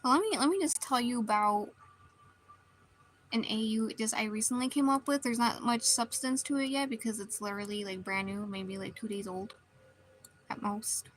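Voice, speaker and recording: Woman streamer, slightly high voice, meandering casual chat over drawing, desk mic. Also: normal speed, slight background noise, low-quality recording. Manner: rambling, meandering, many restarts.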